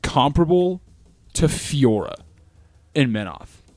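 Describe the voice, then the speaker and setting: A man chats loosely about tabletop game lore, circling back and restarting his sentences. His voice sits at an ordinary middle pitch. The sound is dry, with no room around it. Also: sing-song, slow pace, darkish tone, no echo, soft background music. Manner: rambling, with many restarts and filler words. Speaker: co-host. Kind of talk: casual gaming lore chat.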